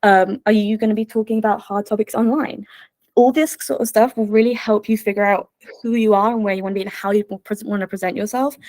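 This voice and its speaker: A woman's voice: medium pitch, darkish tone, dry recording. A young woman presenting an online workshop in a bubbly, chatty way, full of fillers. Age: young adult. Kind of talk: casual online workshop talk.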